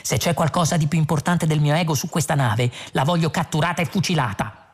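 A man's voice: a little high, fairly quick, slightly rough. A man playing Zaphod, a vain, scatterbrained galactic rogue. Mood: boastful. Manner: boastful, feigning dimness. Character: vain, scatterbrained two-headed male galactic president.

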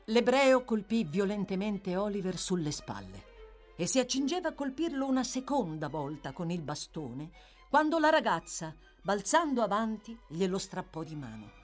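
A woman narrating a classic novel in a dramatic, expressive audiobook reading. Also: medium pitch, normal speed, faint music behind. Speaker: audiobook reader.

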